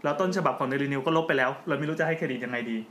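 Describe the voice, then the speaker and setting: Guy hosting a podcast, fast and a bit high, jokey, echoey room w faint hiss. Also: a bit bright. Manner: joking, explains at length. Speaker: podcast host. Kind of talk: casual chat. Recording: roomy with faint background noise.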